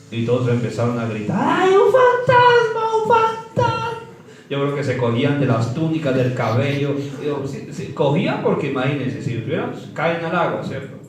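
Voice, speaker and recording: A man's voice: medium pitch, a little mellow. A man preaching a sermon, quizzing the congregation with call-and-response questions and swooping emphasis. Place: church hall. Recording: echoey hall from far off, faint music.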